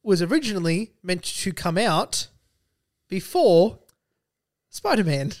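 A woman's voice: on the low side, sing-song, takes it slowly, darkish tone. A woman with an Australian accent chatting casually and jokily about films as a podcast co-host, with plenty of slang and swearing. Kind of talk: casual film and pop-culture chat.

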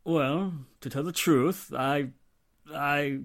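In a 1940s-style radio drama, a male actor plays a nervous, prissy, evasive murder suspect, flustered and theatrically precise. His voice is on the high side, and he takes it slowly.

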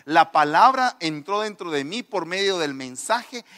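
A man preaching a sermon, emphatic and repetitive, swinging from quiet to loud. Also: high voice, lively intonation, measured pace. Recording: long reverb of a large hall.

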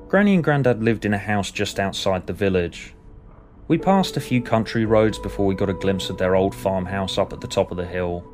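A man reading a scripted story in a deadpan, matter-of-fact way. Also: low voice. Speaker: narrator. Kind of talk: scripted narration.

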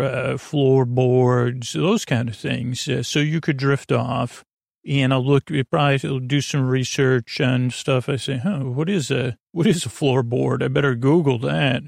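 This bedtime podcast host is a man whose gravelly, creaky voice sits in the middle range. He talks in a halting, wandering way, repeatedly slipping into tangents, captured in studio-quality sound with no echo.

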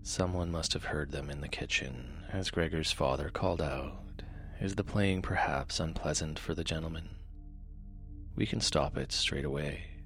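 A man narrating sleep stories in a soft, soothing, hushed manner that often trails into a near-whisper, close to the microphone. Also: normal speed. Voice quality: soft, low, gravelly. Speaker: host and narrator of a sleep story podcast. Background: music.

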